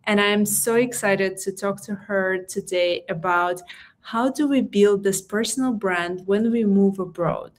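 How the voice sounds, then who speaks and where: A woman hosting a career talk show, introducing her guest with frequent fillers. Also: medium pitch. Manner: warm welcoming intro with many fillers. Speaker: podcast host. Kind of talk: hosted interview chat.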